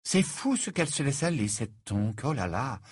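A man voicing a vain, dreamy young bride who talks in an affected, drawn-out way. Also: mid-range voice, sing-song, husky, no echo, clean studio sound. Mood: languid.

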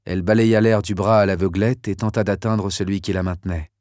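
A male narrator reads an adventure novel in a steady, measured way. His voice sits fairly low and sounds close and dry, with no room around it. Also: no room sound. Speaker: audiobook narrator. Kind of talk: scripted narration.

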